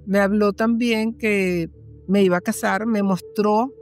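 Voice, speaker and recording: An earnest woman recounts a personal experience in an interview, at a middling pitch. She repeats phrases to press her point home. Faint music sits under her voice. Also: steady tone, a little slow. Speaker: guest. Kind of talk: telling a personal story in a conversational interview.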